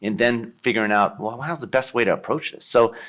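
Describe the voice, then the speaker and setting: A man in his fifties with an Ohio accent chats as a podcast guest in a casual interview, his medium-pitched voice a little fast and a bit bright. He's jokey and rambling, and he leans heavily on "kind of."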